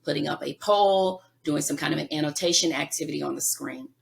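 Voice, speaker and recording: A woman guest on a podcast interview, giving emphatic, lively coaching advice. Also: low voice, fairly quick, creaky. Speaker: guest speaker.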